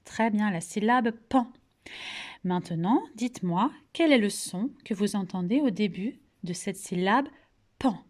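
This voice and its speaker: Slow, patient French schoolteacher woman. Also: mid-range voice, expressive, darkish tone. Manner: slow, clearly articulated, patient, coaxing questions and praise. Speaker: kindergarten teacher. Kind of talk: remote phonics lesson for young children.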